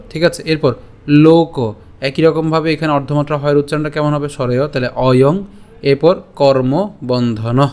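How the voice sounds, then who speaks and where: A man with a slightly raised voice teaches an online scripture class. He breaks each word of a Sanskrit verse into its sounds and explains them patiently. Then he chants the whole verse slowly. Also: fairly high pitch.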